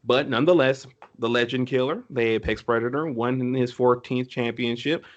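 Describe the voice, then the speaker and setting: A man's voice: medium pitch, fairly even intonation, moderate pace, dull audio. A man co-hosting a casual podcast, talking enthusiastically with many fillers and restarts. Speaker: podcast co-host. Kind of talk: casual chat.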